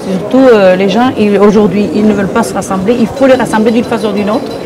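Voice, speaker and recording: An older woman from Morocco talks as a guest on a stage set up in a wooden hall at a public fair. She speaks in a hesitant way, circling back and repeating herself. The chatter of the fair crowd stays clearly audible behind her. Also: medium pitch, fairly even intonation, fast talker. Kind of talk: casual interview talk.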